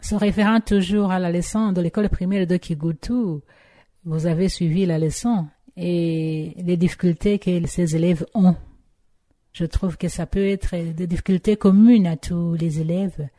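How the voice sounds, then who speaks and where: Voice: mid-range voice, fairly even intonation, measured pace, warm tone, no echo. An interviewer asking questions about teaching, hesitant with fillers.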